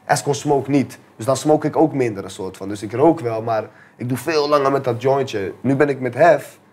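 A man's voice: medium pitch, normal speed, darkish tone. Laid-back young man, slangy chat. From Netherlands. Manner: laid-back street slang, constant filler tags. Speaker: rapper guest. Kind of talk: casual interview chat.

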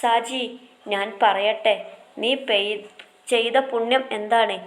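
A woman's voice: a little high, fairly even intonation, slow, reverberant. A woman voicing a kind, loving young husband, reading a story aloud. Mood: tender. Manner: tender, reassuring.

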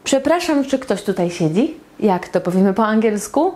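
A woman teaching English in a slow, patient lesson at a whiteboard, repeating each example phrase several times. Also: medium pitch, big pitch swings, darkish tone.

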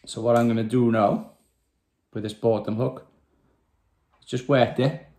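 This calm Welsh angler explains a fishing rig in an unhurried, mid-range voice, plainly talking as he ties knots in a casual step-by-step tutorial. The phone camera on his desk captures a small, echoey indoor room with windows.

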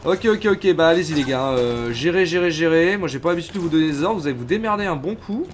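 Lively-voiced man streaming a game. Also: on the high side, quick pace, slight background noise. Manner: chatty, reacts loudly. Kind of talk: live gameplay commentary.

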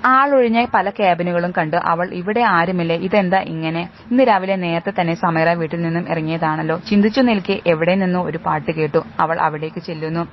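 A woman's voice: on the low side, brisk. A woman narrating a romantic story, reading every character's lines in her own voice, with occasional slips and self-corrections. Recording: slightly dull, faint background noise.

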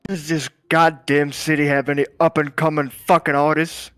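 A man's voice: a little high, little pitch movement, moderate pace, fairly bright tone, clean tone, dry recording, clean studio sound, natural voice. A man playing an intense, menacing, aggrieved music boss in an improvised crime game role-play, brooding and repeating himself for effect. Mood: angry, threatening.

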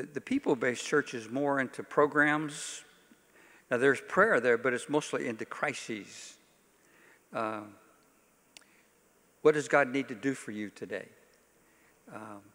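Speaking to a conference crowd in a big, echoing hall, an older pastor runs a workshop with an informal church teaching laced with folksy, dry humor. His mid-range voice is bright and forceful, and the room adds a long reverberant tail.

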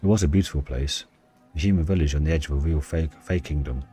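A gentle, ancient dryad of a fantasy game read by a man in a very deep, mellow voice. The delivery is solemn and wistful, like storytelling, over faint music. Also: fast talker, husky. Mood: mournful. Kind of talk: video game dialogue read aloud.

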